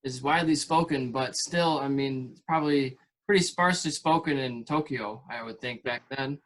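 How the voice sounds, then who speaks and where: A man's voice: medium pitch, moderate pace, fairly bright tone. A man hosting a podcast in a casual, easygoing chat, often trailing off mid-thought. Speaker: podcast host.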